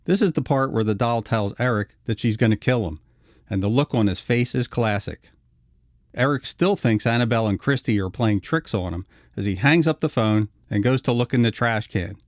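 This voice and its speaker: A man's voice: medium pitch, moderate pace, no room sound, clean studio sound. A man narrating a scripted retrospective video essay.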